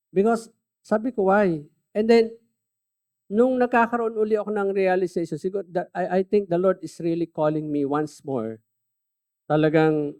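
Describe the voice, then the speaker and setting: A male pastor delivers a heartfelt sermon. His voice sits a little high for a man. He moves easily between Tagalog and English and leans hard into key phrases, slow and loud. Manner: earnest, mixes Tagalog and English, stresses key phrases slowly and loudly. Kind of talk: sermon with personal testimony.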